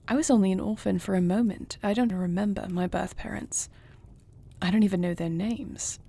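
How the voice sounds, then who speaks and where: A woman with a medium-pitched, breathy voice plays a gentle, poised dragon queen, newly married, tender and dryly witty. Her formal, courtly phrasing is soft and affectionate in this intimate audio roleplay addressed directly to the listener.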